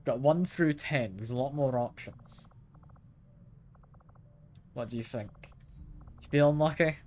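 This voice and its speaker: A man hosting a live game stream, chatting casually with his viewers. He keeps asking them questions and chuckles often, his voice at an average, middle pitch. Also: unhurried, a little mellow. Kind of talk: casual live gameplay chat.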